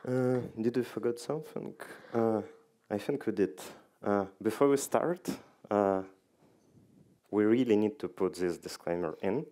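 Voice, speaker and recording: A man's voice: lowish voice, unhurried, mellow. A man giving a conference talk, joking dryly and quizzing the audience. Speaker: conference speaker. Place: conference hall stage.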